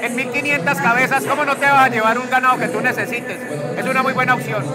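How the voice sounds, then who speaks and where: Very high-pitched Colombian man, colloquial and persuasive. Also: level tone, quick pace. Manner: colloquial, persuasive, asks rhetorical questions. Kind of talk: casual interview talk. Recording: loud music and crowd noise behind. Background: loud music, crowd.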